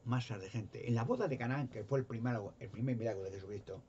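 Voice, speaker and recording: A man's voice: mid-range voice, expressive, quick pace, mellow. A man with a Spain Spanish accent preaching informally, retelling Bible stories in a rambling, repetitive way with stammered restarts. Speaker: lay preacher. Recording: slightly dull with faint background noise.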